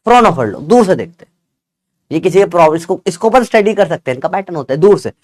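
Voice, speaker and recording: A man's voice: sits high, sing-song, quick pace, no echo. A man teaching a casual lesson, chatty and joking, often checking whether his students follow.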